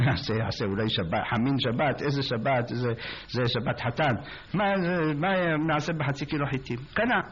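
A man giving a religious talk, telling stories with animated voices for the people in them. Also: breathy edge. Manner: animated storyteller, acts out characters, rises high when excited. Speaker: rabbi or preacher. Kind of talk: sermon with storytelling. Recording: dull lo-fi recording with faint noise.

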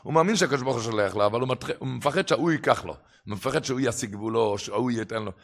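A man preaching a religious sermon and telling stories, impassioned, with his voice swelling and dropping for emphasis. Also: medium pitch. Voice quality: gravelly.

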